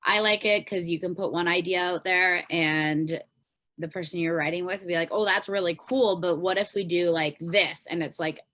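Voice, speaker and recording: Her pitch is fairly low, her tone steady and fairly bright, her pace moderate. She is a pop singer-songwriter with a Canadian accent, guesting on a podcast in a casual interview chat, speaking in an informal, rambling way and often trailing off.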